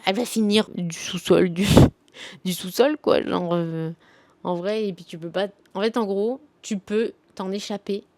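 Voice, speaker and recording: A woman's voice: medium pitch, a little slow, darkish tone, no room sound. A young woman chatting casually about her favourite books, rambling and slangy with lots of fillers. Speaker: book vlogger. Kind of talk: casual book review chat.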